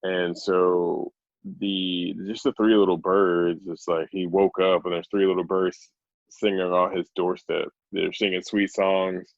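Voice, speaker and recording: A man's voice: low-pitched, flat delivery, unhurried, dry recording, muffled recording. A man hosting a podcast, chatting in a laid-back way and laughing easily. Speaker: podcast host. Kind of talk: casual podcast chat.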